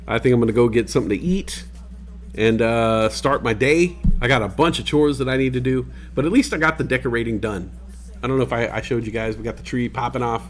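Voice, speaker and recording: A man with the hiccups rambles easily to his stream viewers, his talk packed with fillers. His medium-pitched voice comes through a desk microphone with a little hiss or hum.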